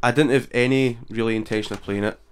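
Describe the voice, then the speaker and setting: A man, a co-host chatting casually about video games, relaxed and quick to laugh. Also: medium pitch, smooth.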